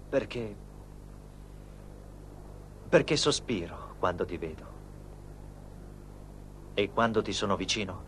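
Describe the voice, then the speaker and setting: A man's voice: fairly low pitch, a bit bright, a little hiss or hum. A man voicing a passionate young male professor who declares his love, in a dubbed telenovela. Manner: pleading, passionate. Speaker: romantic lead.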